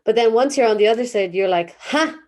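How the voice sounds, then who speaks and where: A woman's voice: fairly high pitch, fast talker, a little mellow. A woman therapist being interviewed, talking casually with many fillers and restarts and vivid images. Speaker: therapist guest.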